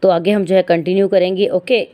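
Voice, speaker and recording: A woman's voice: fairly low pitch, level tone, fairly quick, dark tone. A woman teaching a Hindi grammar lesson, posing questions and answering them herself, and drawing out vowel sounds to demonstrate. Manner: explanatory, asks and answers her own questions.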